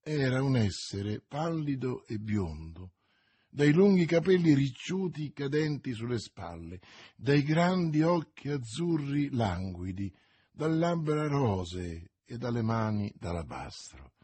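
A man narrating a novel as an audiobook, measured and expressive, with a husky voice. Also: mid-range voice, no echo.

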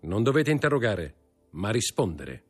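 A man's voice: on the low side, very animated, normal speed, slightly rough, faint music behind. A man reading an audiobook, voicing a stern magistrate who coldly accuses his wife. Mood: cold accusing. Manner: cold, accusing, contemptuous.

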